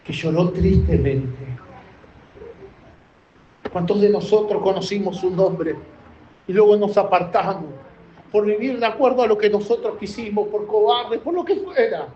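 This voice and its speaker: A man preaching a sermon as pastor, with fervent delivery that moves from quiet low passages to shouted exhortation. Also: normal speed, roomy sound, dull audio, slight background noise. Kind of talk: impassioned sermon.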